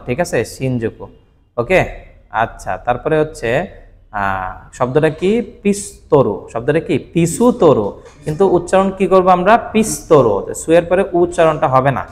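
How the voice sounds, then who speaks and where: A man whose first language is Bengali, with a fairly high voice echoing in a large hall, teaches Japanese vocabulary. His classroom style is patient, and he often checks that the listener is following.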